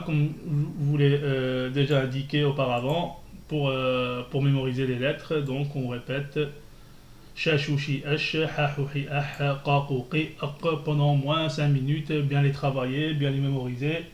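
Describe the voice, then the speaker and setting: A man teaching a beginner lesson, patiently drilling syllables and pausing often with fillers. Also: a little high. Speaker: Arabic teacher. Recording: echoey room with faint noise.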